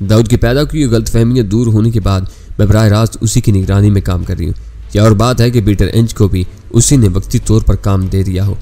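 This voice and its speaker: A man narrating a spy story in a steady storytelling manner, reading all the characters' lines in his own voice. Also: on the low side. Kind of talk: scripted audiobook narration.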